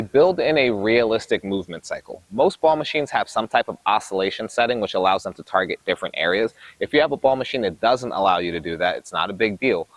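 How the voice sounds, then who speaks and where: A man with a fairly low voice coaches tennis players, explaining each drill with energy as he demonstrates. The sound is dry and close. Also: no echo, rough recording. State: a little out of breath. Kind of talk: instructional coaching talk. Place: outdoor tennis court.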